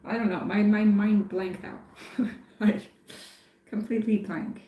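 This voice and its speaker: A woman who grew up in France, chatting casually on a live stream and thinking aloud with many pauses and fillers. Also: mid-range voice, fairly even intonation, phone-quality sound. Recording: echoey room.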